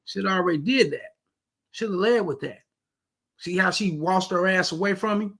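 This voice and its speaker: A man's voice: high voice, moderate pace, noisy background. A man giving blunt, profane dating advice to the fellas while reacting to a street clip. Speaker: reaction commentator. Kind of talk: reaction commentary.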